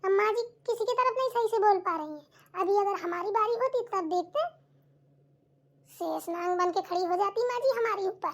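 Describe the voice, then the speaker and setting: A woman's voice: very high-pitched, moderate pace. A woman voicing a sly, gossiping young daughter-in-law in a cartoon, teasing with chuckling asides.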